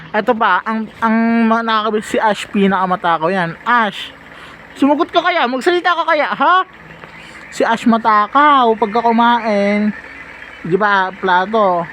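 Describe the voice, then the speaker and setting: A man's voice: sits high, a little slow, pauses often, fairly bright tone, slight background noise, rough recording. A young man vlogging casually at home, talking playfully and fondly to his cats with sudden squealing bursts. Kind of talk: casual vlog talk to camera.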